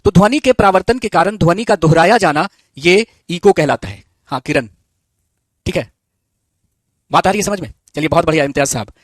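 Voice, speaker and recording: Male physics teacher, high voice, dry close sound; quizzes the class and answers himself, drills terms slowly. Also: lively intonation, no room sound. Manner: asks the class questions and answers them himself; repeats key terms slowly. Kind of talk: live online physics lesson.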